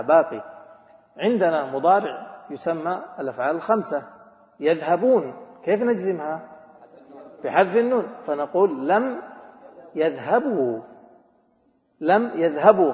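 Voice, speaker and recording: A man's voice: fairly high pitch, a little mellow. Man teaching grammar in an echoey hall. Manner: drills students with questions and examples; mixes formal Arabic with colloquial speech. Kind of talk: classroom lecture on a grammar text. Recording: echoey hall, dull lo-fi recording.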